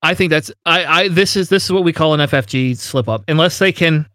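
A man's voice: on the high side, a little fast, fairly bright tone, dry recording, clean studio sound. A man co-hosting a casual tabletop game podcast, talking emphatically with frequent incredulous laughs. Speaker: podcast co-host.

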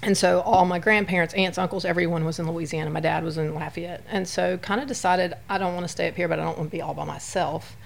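Chatty woman from West Texas, gravelly low voice. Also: fairly even intonation, fast talker, few pauses, slight background noise. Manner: chatty, uses many fillers. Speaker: podcast guest. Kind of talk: casual conversational storytelling.

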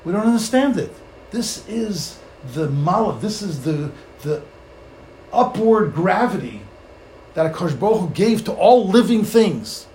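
Storytelling through a Torah sermon, this rabbi speaks in a high, sing-song, somewhat dark voice at a measured pace. He stresses points, repeats phrases and asks rhetorical questions, recorded in an echoey room with faint noise behind.

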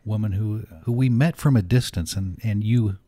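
Male podcast co-host, deep radio voice, mellow and dry-recorded, easygoing. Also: moderate pace, dry recording. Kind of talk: casual chat.

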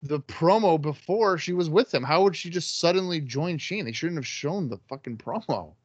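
A man's voice: on the high side, expressive, moderate pace, slightly rough, no room sound. A man co-hosting a podcast, giving joking, profane play-by-play of a wrestling match in casual chat. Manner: joking, swears freely. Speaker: podcast co-host watching wrestling. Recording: dull lo-fi dry sound.

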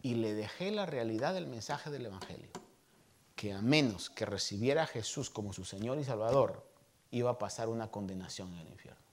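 A man in his thirties, a pastor, preaching a sermon and telling stories from his childhood with lively voices for the people he quotes. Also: fairly low pitch, fairly quick. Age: 30s.

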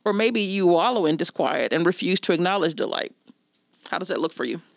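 A woman's voice: lowish voice, lively intonation, brisk, gravelly, no echo, studio quality. A woman leading a faith discussion group, inviting others with questions. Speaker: discussion leader.

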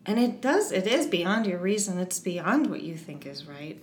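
Talking about her advocacy work as an eating disorder advocate, this interview guest is earnest and encouraging, frequently starting her sentences over in the casual conversation. Her lowish voice is sing-song at normal speed, in an echoey room with slight background noise.

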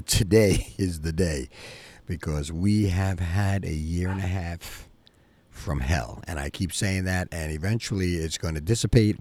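A man's voice: sits low, gravelly, darkish tone. A middle-aged man hosting a casual solo podcast outdoors in his backyard, rambling conversationally with frequent asides to listeners. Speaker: podcast host. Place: outdoors in a quiet home backyard.

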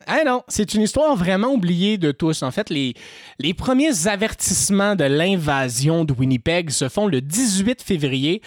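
A man with a Québécois French accent telling a history story on a podcast in an animated, joking way. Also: no room sound, clean studio sound. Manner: animated, jokey, lively pitch swings. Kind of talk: casual storytelling chat.

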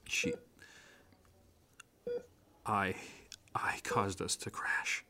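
Remorseful dad in an audio drama, soft and hesitant, slow delivery. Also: male voice, low voice, steady tone, gravelly, noisy background. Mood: remorseful, hushed. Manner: hushed, halting, apologetic. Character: remorseful adult father, guilt-ridden and gentle. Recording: music bed underneath.

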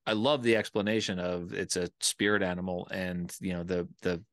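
A man's voice: low-pitched, level tone, moderate pace, no echo, studio quality. An American man hosting a casual interview, rambling a little as he thinks aloud.

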